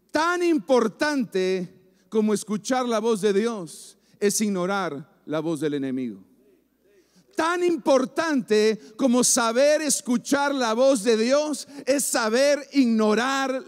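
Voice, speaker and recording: A man preaching a sermon to a church congregation, emphatic and repetitive, building phrases up to shouts. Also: sits high. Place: church service before a congregation. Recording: long reverb of a large hall.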